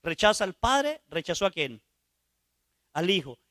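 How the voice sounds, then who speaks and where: A man's voice: high voice, sing-song, measured pace, a bit bright, no room sound, clean studio sound. A male priest preaching, telling a story and asking the congregation questions as he goes. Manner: storytelling, asks the audience questions. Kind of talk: sermon.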